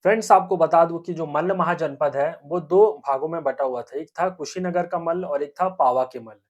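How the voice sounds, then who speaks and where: A man's voice: a little high, moderate pace, lo-fi sound. A young man teaching a history lesson for exam preparation. He keeps asking questions and answering them himself, repeats key points, and often checks in with the viewers as friends. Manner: repetitive, asks and answers own questions; frequent 'theek hai friends' check-ins.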